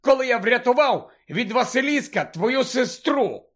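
A man reading the part of an angry teenage boy wizard who shouts urgently in a storybook. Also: very high voice, expressive, measured pace, voice pushed up. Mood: bitter.

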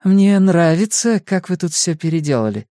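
A man's voice: high-pitched, animated, moderate pace, warm tone, dry recording, pitched above the performer's own voice. A raised, light young woman's voice, as a male reader plays her, polite on the surface and uneasy underneath. She is a nervous guest in a storybook. The sound is dry and close-miked. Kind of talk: audiobook character voice.

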